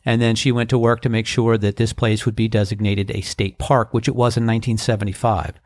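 Relaxed, reflective man hosting a podcast. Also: fairly low pitch, no room sound, studio quality. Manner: relaxed, reflective, unhurried, many ums and uhs. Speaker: podcast host. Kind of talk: casual solo podcast monologue.

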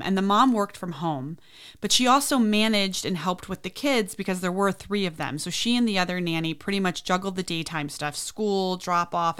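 A woman's voice: lowish voice, clean tone. Chatty woman telling a story. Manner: chatty, animated, acts out quoted voices. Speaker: podcast host. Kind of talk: casual storytelling.

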